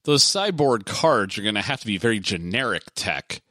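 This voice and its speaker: A man with a low, bright, forceful voice co-hosts a casual gaming podcast and keeps breaking in with quick agreements. The sound is close and dry. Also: big pitch swings, no echo. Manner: chimes in with short agreements. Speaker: podcast co-host. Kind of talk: casual esports chat.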